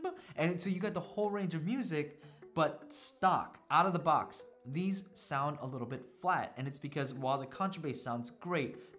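A man's voice: mid-range voice, a bit bright. A man giving a casual product review, enthusiastic and fond of imitating sounds with his voice. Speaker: tech reviewer.

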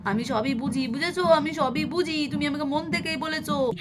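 A woman's voice: high-pitched, moderate pace, pitched above the performer's own voice, lightly acted. A woman voicing a harried young mother in a doll story, complaining in an exasperated way. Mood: aggrieved.

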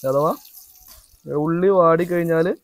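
A man's voice: fairly high pitch, flat delivery, slow, no room sound. Chatty man vlogging outdoors. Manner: chatty, talks straight to viewers, teasing asides. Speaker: family vlogger cooking. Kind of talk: casual vlog narration. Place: outdoors behind a house.

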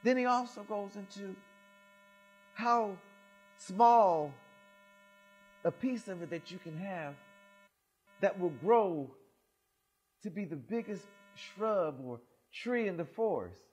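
A middle-aged man, a pastor, reading scripture and preaching a sermon in a small church sanctuary, swinging expressively between loud and soft. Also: high-pitched, animated, takes it slowly, long pauses, soft background music.

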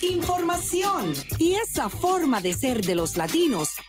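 A woman announcer voicing radio station promos in a lively, sing-song way. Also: high-pitched, a little slow, over music.

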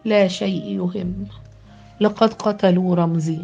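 A woman's voice: mid-range voice, steady tone, a little slow, gravelly, warm tone, slightly rough. A woman voicing a grief-stricken young woman speaking brokenly through tears in an audio novel. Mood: grieving. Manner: broken and sobbing. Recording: dull lo-fi with background music.

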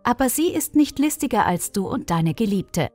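A woman's voice: on the high side, lively intonation, moderate pace, darkish tone, voice pushed up. A woman voicing a defiant young woman who stands up for her sister, with faint music behind. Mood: reproachful. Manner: defiant, reproachful.

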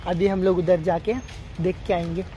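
Recorded on a handheld phone with a muffled sound and some hiss or hum, a young man or teen vlogs his walk through a city park. His high, dark voice barely moves in pitch as he talks at a moderate pace, mixing English into Hindi and repeatedly addressing his audience as "guys."

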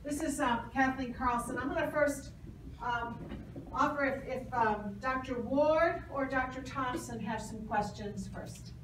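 A middle-aged woman with a slightly high voice puts halting, hedged questions as an academic examiner. She sounds far from the mic in an echoey classroom. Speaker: academic examiner on a dissertation committee. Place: small university classroom, indoors. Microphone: distant camera or phone across the room. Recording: echoey room, distant mic, noisy.

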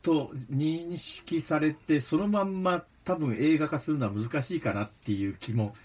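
A man hosting a radio talk show, lively and a bit lecturing, teasing his co-hosts. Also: on the high side, unhurried, a little hiss or hum. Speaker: radio host. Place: radio studio.

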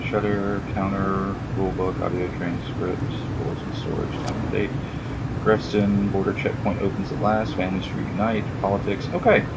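A man casually commenting as he plays a game for the first time, chatty and sarcastic, reading on-screen text aloud on a low-quality home mic. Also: level tone, moderate pace, heavy background noise. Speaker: gaming YouTuber. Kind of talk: casual let's-play commentary. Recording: loud game music behind.

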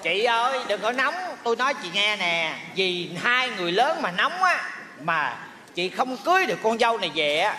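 Brief: man as a wordplay-loving male fortune teller, high, bright voice, on an echoey stage. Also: slight background noise, full character voice. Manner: persuasive, wordplay-heavy, stammering when flustered. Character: fast-talking male fortune teller matchmaker. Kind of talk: stage comedy sketch.

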